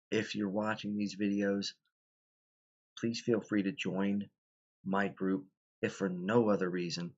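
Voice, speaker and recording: A man with a very low voice talks through a tabletop game tutorial in a loose, rambling way, full of ums and restarts. He sounds tired, as if holding back yawns. The recording is dull and lo-fi. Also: husky. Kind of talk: casual explanatory tutorial.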